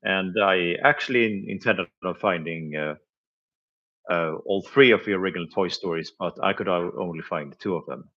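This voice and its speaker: On a live stream about flea market finds, a man with a low-pitched voice speaks at a normal speed. His casual chatter is hesitant and packed with filler sounds, broken up by frequent chuckles, all captured in dull lo-fi sound.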